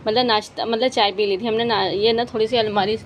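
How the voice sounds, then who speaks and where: A woman's voice: fairly high pitch, steady tone, brisk, slight background noise. A woman chatting straight to her viewers in a casual home cooking vlog, talking from her kitchen. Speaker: vlogger.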